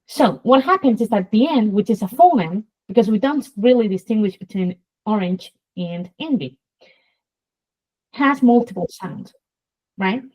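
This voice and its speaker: A woman's voice: mid-range voice, animated, unhurried, a little mellow, breathy edge, rough recording. Spanish-accented woman explaining phonetics. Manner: lecturing, demonstrates sounds aloud, many "right?" checks. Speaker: host, Spanish teacher. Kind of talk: explanatory interview talk.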